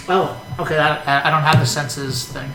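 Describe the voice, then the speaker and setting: A man playing in a tabletop role-playing game, talking casually and haltingly about the rules with the group. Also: on the high side, steady tone. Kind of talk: casual gaming chat. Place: room with a group of players. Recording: echoey, distant, noisy room with clicks.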